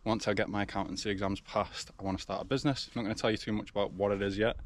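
A man's voice: fairly low pitch, steady tone, rapid-fire. A man in his twenties with an English accent, chatting casually to a camera as a fitness vlogger. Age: 20s. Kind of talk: casual vlog chat. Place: outdoors in a forest. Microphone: action camera. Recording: faint outdoor background noise.

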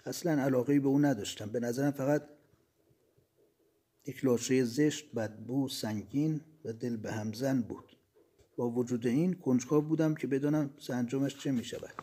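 A man reading the part of a dead engineer who calmly recounts leaving his body. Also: mid-range voice, husky, close to an everyday voice. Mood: calm recollection. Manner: measured, reflective storytelling.

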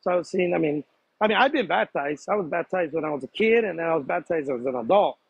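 A man with a fairly high, husky voice, answering questions in a casual chat. He talks hesitantly, repeats his words and breaks into easy laughs. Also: lively intonation, fast talker, no room sound, muffled recording. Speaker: interviewee. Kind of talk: casual conversation.

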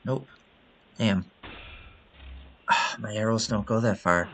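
A man's voice: lowish voice, slow, a bit bright, slight background noise. A man hosting a casual let's-play of his game, talking in a playful, joking way with frequent self-amused asides. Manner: playful, jokey, sings and laughs at himself. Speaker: gaming channel host. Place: indoors at home by a window.

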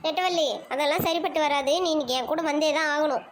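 A woman voicing a quarrelsome, quick-to-anger village woman in a cartoon comedy. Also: high-pitched, slight background noise, close to an everyday voice. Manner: hot-tempered, scolding.

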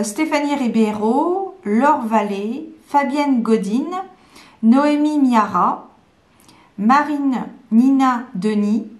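Chatty woman in echoey room. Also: on the high side. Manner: chatty, hesitant, many fillers and restarts. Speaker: vlogger presenting planners. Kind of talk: casual chat to camera. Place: home room.

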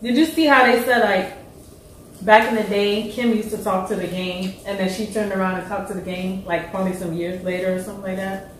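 A woman joining a friend for a casual chat over a meal, blunt and opinionated, often dropping to low asides. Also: fairly even intonation, brisk, a little hiss or hum. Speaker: co-host friend. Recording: echoey room, mic far off.

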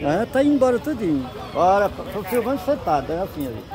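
This man, a hobby vlogger from Pernambuco's interior, keeps up a casual, teasing chat while filming a street market on his phone, his Northeastern Brazilian speech peppered with slang exclamations. His high voice swings widely in pitch at a quick pace. Behind him are the bustle of the crowd, street noise, and vehicles.

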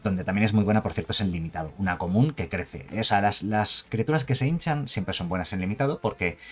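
This card game video creator, a man with a Spain Spanish accent, delivers a chatty, emphatic review full of jokes and asides. He talks quickly in a fairly low voice, with slight hiss or hum in the background.

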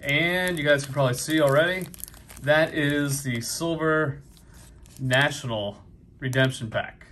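A man's voice: on the high side, unhurried, pushed and bright. Middle-aged man, New England accent, chatty and upbeat, lots of fillers, faint hall noise behind. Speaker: card collecting vlogger. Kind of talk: casual pack-opening commentary. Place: busy convention hall.

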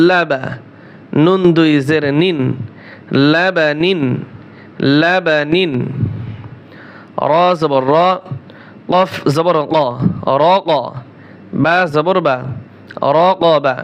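A man's voice: on the high side, a bit bright. A man teaching Quran reading, spelling Arabic words out syllable by syllable and repeating each word. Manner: slow, drawn-out syllable-by-syllable spelling with repetitions. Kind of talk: spelling-out recitation lesson.

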